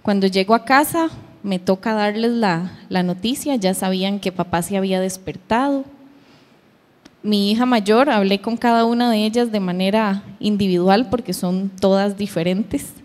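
A woman shares an emotional personal testimony at a church youth meeting, voicing her daughters' words as she tells it. Her voice is mid-range and a little mellow, moving at normal speed, and a long hall reverb surrounds it.

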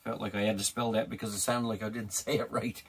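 A DIY motorcycle vlogger from Newfoundland, Canada, gives casual how-to narration straight to camera, chatty and joking. His gravelly, lowish voice is fast with flat delivery.

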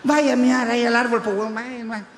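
Brief: a loud, crude country huaso from Chile, high-pitched and bright, on a reverberant live stage. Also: male voice, steady tone, fairly quick, a little hiss or hum. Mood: boastful. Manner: brash, crude slang, shouty punchlines. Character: crude rowdy rural Chilean huaso man running for mayor. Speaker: comedian in character. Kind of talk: stand-up character monologue.

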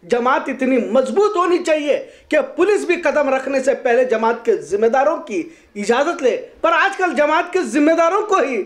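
A woman with a high, light voice reads a scripted news commentary. She sounds earnest and moralizing as she editorializes, keeping a steady presenter's delivery. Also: moderate pace, few pauses.

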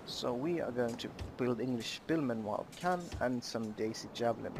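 A man hosting a let's play, giving casual, halting commentary on a strategy game with many pauses. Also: mid-range voice, background noise. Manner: halting, many ums and uhs.

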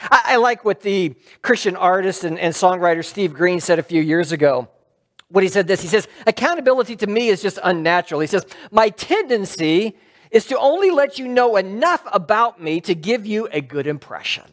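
A middle-aged man gives a sermon from a lectern in a church sanctuary, talking through a headset mic. His pitch rises and falls in a lively, animated way. He speaks conversationally and often turns statements into questions for the congregation. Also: normal speed. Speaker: pastor.

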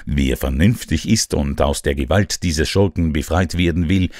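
A man's voice: rumbling low, moderate pace, a little mellow, dry recording, studio quality. An actor voicing the famous detective as a commanding, authoritative man, declaiming his orders to a crew in an audiobook. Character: commanding male detective confronting a ship's crew. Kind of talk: audiobook character voice.

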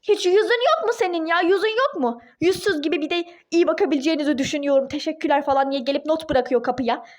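A woman's voice: high voice, quick pace, few pauses, natural voice. A woman voicing a furious, indignant young wife in a toy-game role-play drama, speaking in exclaiming outbursts. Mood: outraged.

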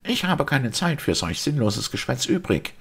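A man voicing an impatient, agitated male doctor who speaks in an exasperated, shouting way. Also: medium pitch, sing-song, measured pace, husky, pitched above the performer's own voice, full character voice. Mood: indignant.

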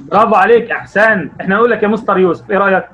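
A man with an Egyptian Arabic accent teaching young pupils online, encouraging them and quizzing them by name, stretching out words slowly as he reads. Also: high-pitched, bright, forceful tone, a little hiss or hum. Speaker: primary school Arabic teacher.

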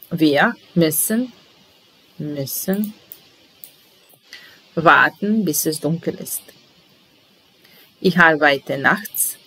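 Woman teaching phrases real slow, low-ish voice, careful and patient. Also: a bit bright, rough recording. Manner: patient, measured, enunciating each phrase slowly. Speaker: language teacher. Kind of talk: slow bilingual lesson, repeating phrases.

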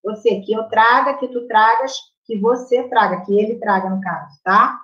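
A Brazilian Portuguese-accented woman teaches a live online grammar class at a normal speed, her slightly high voice fairly bright in tone. She chats with her students and checks in constantly by asking "right?" The room sound is roomy and slightly muffled.

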